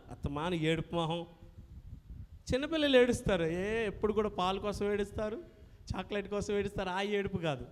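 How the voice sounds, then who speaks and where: A male pastor preaching an impassioned sermon that swells to loud peaks. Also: high-pitched. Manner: impassioned, rising to loud peaks, calls for amens. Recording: long reverb of a hall.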